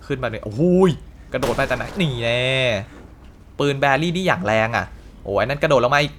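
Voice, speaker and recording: A man's voice: mid-range voice, animated, fairly quick, fairly bright tone, a little hiss or hum. Chatty man doing game commentary. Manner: chatty, exclaims at the action. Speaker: gaming channel host. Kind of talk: let's play commentary.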